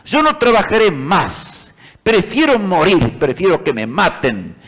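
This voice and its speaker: Preacher doing a crying stubborn slave guy, middle-aged, begging and sobbing, kinda high. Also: big pitch swings, a little slow, a bit bright, slightly rough, exaggerated voice. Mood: pleading. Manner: pleading, sobbing, defiant. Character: weeping, stubborn middle-aged enslaved man. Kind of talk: story told within a sermon.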